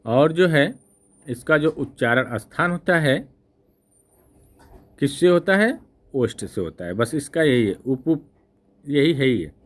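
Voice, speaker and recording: A man teaching an exam-prep lesson in a fairly high voice. He talks slowly and repeats each point, with frequent checks that the class follows. He stops to fix his own mistakes and apologizes for them. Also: expressive. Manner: slow, repetitive explaining with frequent "ठीक ना?" checks; self-correcting, apologetic.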